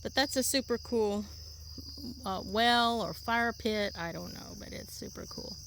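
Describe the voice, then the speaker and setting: Woman, casual vlog host, upbeat rambling chat outdoors, slightly breathless, pitched a little high. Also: a little slow, noisy background. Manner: chatty, rambling, easily amused. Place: outdoors in a rural horse pasture.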